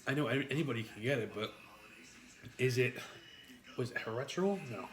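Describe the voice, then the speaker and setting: On a live stream, a man with a New York accent eats while rambling to his chat, cracking jokes and swearing often. His medium-pitched voice is expressive and quick.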